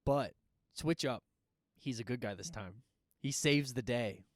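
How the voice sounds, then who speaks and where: A man's voice: medium pitch, measured pace, no echo, studio quality. A man co-hosting a casual horror podcast, talking in a playfully grumpy way and swearing a lot. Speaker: podcast co-host. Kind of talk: casual chat.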